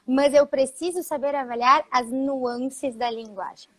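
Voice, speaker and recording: A woman's voice: sits high, fairly even intonation, measured pace. A woman speech therapist, explaining patiently in a live talk, with frequent fillers.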